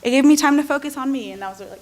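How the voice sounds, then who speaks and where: A woman's voice: high voice, very fast, noisy background, close to an everyday voice. Woman playing a frank, supportive college friend. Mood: reassuring. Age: young adult. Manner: gentle, frank, reassuring. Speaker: student acting in a skit.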